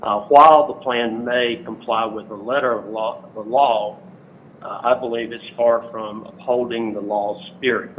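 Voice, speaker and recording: A man's voice: medium pitch, fairly even intonation, moderate pace. A man calling in over the phone to make an earnest public comment at a hearing, reading from prepared notes with frequent "uh" fillers. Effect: heard over a phone line. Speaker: resident speaking at a public hearing. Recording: tinny phone line with faint noise.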